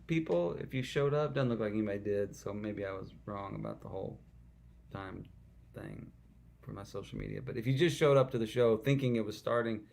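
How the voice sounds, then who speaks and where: Gravelly low-voiced musician chatting between songs. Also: male voice. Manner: rambling, self-deprecating, warm asides. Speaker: musician hosting a livestream show. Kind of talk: casual chat between songs, reading viewer comments. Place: at home, alone with a guitar.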